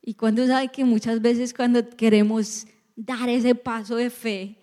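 A woman pastor giving a sermon in a church, lively, with joking asides to the congregation. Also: a little high, measured pace, in a large hall.

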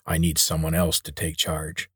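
A man's voice: extremely low pitch, monotone, normal speed, a bit bright, husky, no room sound, studio quality, pitched below the performer's own voice, exaggerated voice. A man voicing a cold, commanding villain in a storybook reading.

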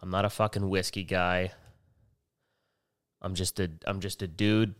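A man's voice: low-pitched, little pitch movement, a little slow, dry recording, studio quality. A man hosting a casual solo podcast, rambling and swearing freely, wearing headphones at a podcast mic. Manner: profane, rambling, self-mocking. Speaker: podcast host.

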